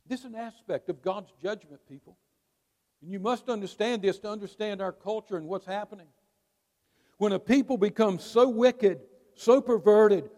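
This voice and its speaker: A male pastor delivers a sermon with high, ringing tones. He leans on words and holds dramatic pauses. His voice trails off into the long reverb of a large church hall. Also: a little mellow. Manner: emphatic preaching with dramatic pauses. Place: church sanctuary.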